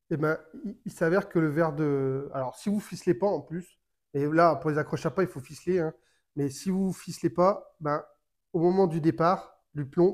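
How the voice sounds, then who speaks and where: A man giving a casual how-to explanation of a fishing rig, talking while he works with his hands and pausing often with fillers and restarts. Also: fairly high pitch. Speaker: fishing tutorial maker.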